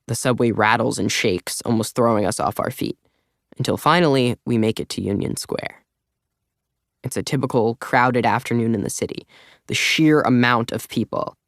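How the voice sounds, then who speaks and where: A man's voice: medium pitch, normal speed, vocal fry, fairly bright tone, no room sound. A man narrating an audiobook in first person, with a casual, wry, confiding manner, on a close studio mic.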